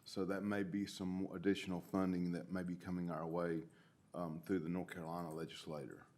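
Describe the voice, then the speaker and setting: An American man, a council member, making informal and somewhat halting remarks at a town meeting. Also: sits low, flat delivery, darkish tone.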